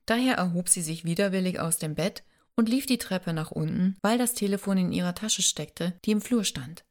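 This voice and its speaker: A woman reading audiobook narration in a calm, measured manner. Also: lowish voice. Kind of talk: scripted narration.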